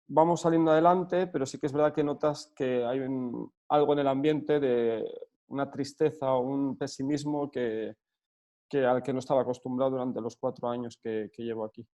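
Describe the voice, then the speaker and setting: A man from Spain, a football coach answering interview questions earnestly, pausing often with fillers. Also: medium pitch, warm tone. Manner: earnest, hesitant with frequent fillers and restarts.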